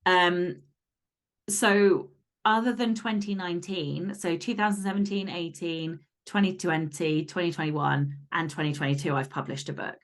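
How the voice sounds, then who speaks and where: A guest author and podcaster chats candidly in a casual interview, sounding animated and emphatic. Her voice is fairly low and moves at a normal speed.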